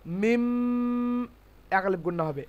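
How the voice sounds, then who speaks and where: A man teaching Quran reading in a classroom lesson, explaining slowly, repeating rules and asking his class checking questions. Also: high voice, dull audio. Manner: spells out Arabic letters syllable by syllable.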